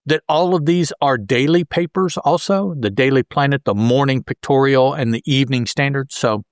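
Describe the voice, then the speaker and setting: This podcast co-host has a mid-range voice and a moderate pace, captured in studio quality with no room sound. His comic book discussion is relaxed, rambling, and conversational.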